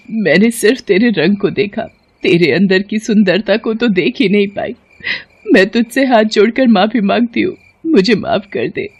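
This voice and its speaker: A woman voicing a harsh older mother-in-law who scolds slowly and loudly in a cartoon story. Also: sits low, expressive, no room sound. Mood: pleading. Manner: slow, loud, scolding.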